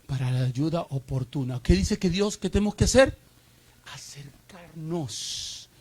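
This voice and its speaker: Man, pastor, preaching, high voice, rhetorical questions. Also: expressive, fairly quick, mellow. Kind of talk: sermon.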